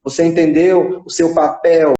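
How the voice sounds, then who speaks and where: The same casual live-stream story comes from a young psychodrama psychologist recounting a child's therapy session and performing the quoted lines. Here his voice is a little high and dark, slightly slow, with little pitch movement, picked up by a phone in an echoey room.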